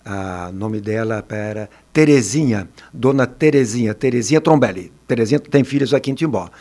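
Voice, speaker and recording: An older man, a former teacher telling stories in a relaxed interview and often ending phrases with a tag question. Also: mid-range voice, normal speed. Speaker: retired teacher and education adviser. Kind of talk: casual interview storytelling.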